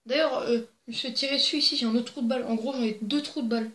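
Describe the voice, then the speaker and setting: A woman's voice: fairly high pitch, steady tone, very fast, fairly bright tone. A young woman casually reading jokes to camera, giggly and rambling with crude asides, on a desk microphone. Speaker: joke-telling video host. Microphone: plugged-in desk microphone. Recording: echoey room.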